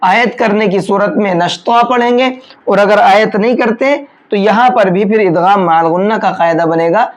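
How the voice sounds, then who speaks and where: A patient recitation teacher working through a tajweed lesson, one rule at a time. The explanations are calm and plain, then the voice stretches out into slow, chanted recitation of each word before returning to plain teaching. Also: mid-range voice.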